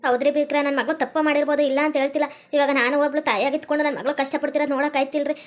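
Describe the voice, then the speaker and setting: A woman's voice: sits high, steady tone, racing, lightly acted. A woman playing a worried middle-aged mother who pleads for her daughter, with a North Karnataka accent. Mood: pleading. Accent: North Karnataka Kannada. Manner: pleading, imploring.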